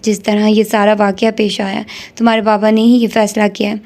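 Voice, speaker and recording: A woman voicing a calm, gentle but firm older mother. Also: mid-range voice, natural voice. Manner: calm, soothing.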